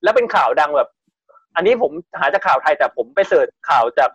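A man's voice: a little high, big pitch swings, quick pace, fairly bright tone, breathy edge, no echo, dull audio. A man casually retelling a strange news story on a podcast, chatty and full of restarts. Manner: chatty, restarts often, acts out quotes.

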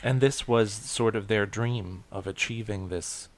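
A man co-hosting a podcast in casual chat, chiming in with quick agreement and dry wisecracks. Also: on the low side, fairly even intonation. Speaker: podcast co-host. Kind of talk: casual chat recapping a TV episode.

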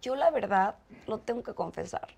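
A woman with a Mexican accent, a guest in an interview, telling a story with lively acted-out dialogue. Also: medium pitch, normal speed, vocal fry, breathy edge. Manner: animated, acts out quoted dialogue.

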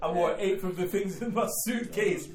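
Casting: young London man, roadman accent, high voice, defensive podcast banter, echoey room with chatter behind. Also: moderate pace. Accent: London, urban street style. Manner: animated, defensive, repeats himself. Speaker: podcast panellist. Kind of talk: casual group banter in street slang. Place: room, group podcast recording. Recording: roomy echo, other voices chattering behind.

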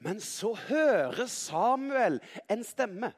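High, lively man telling a children's Bible story. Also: husky, in a large hall. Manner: lively, dramatic, playful, addressing a young listener directly.

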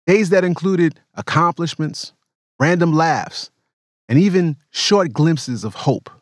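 A man hosting his own podcast, narrating his reflections in a calm, measured way and interviewing family. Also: a little high, no room sound, studio quality. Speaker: podcast host.

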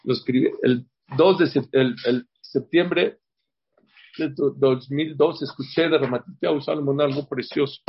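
A man leads a religious class for a group ahead of a holiday, speaking at a measured pace in a medium pitch with fairly even intonation and a breathy edge. He is emphatic, repeats words, and keeps checking in with "ok?". The recording is dull and lo-fi.

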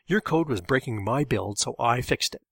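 A man's voice: mid-range voice, animated, moderate pace, creaky, no room sound, clean studio sound. A man doing a snarling arrogant developer. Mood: combative. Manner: snarling, loud, dismissive. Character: arrogant rogue male developer, combative.

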